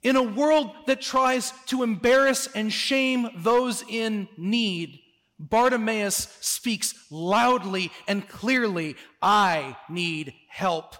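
A man preaching a sermon as pastor, earnest, moving between soft, slow stillness and loud, insistent emphasis. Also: very high-pitched, big-room sound.

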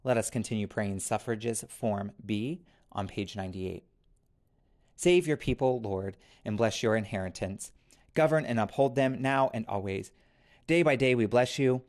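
A man officiating a church service, reading scripture and reciting prayers in a measured, formal way. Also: fairly low pitch, darkish tone.

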